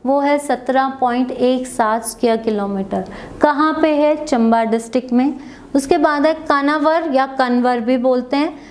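A woman's voice: high-pitched, a little mellow. A woman teacher giving an exam-prep lecture, asking questions and answering them herself. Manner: asks and answers her own questions.

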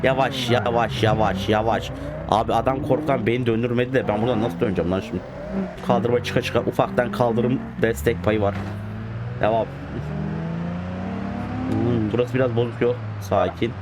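A man giving casual, excitable commentary as he plays a driving game, scolding the computer drivers. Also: mid-range voice, brisk, long pauses. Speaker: gaming channel host. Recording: loud game car noise behind.

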